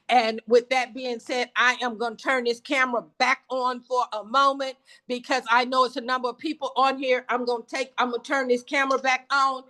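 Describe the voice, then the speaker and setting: A woman in her seventies drives a team meeting with a sermon-like rhythm, repeating her lines for emphasis. Her voice runs a little high and bright. She sounds like she is talking into a computer on a video call. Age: 70s. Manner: emphatic, repetitive, preacher-like cadence. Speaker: business team leader. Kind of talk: motivational sales call.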